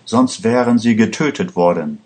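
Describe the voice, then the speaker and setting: Ein Mann spricht in einer Hörgeschichte einen jungen Mann in Gefahr mit trockenem Humor. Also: male voice, on the low side, animated, normal speed, a little mellow, voice pushed up, natural voice. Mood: tense. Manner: dry, joking. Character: dry-humored young man in danger.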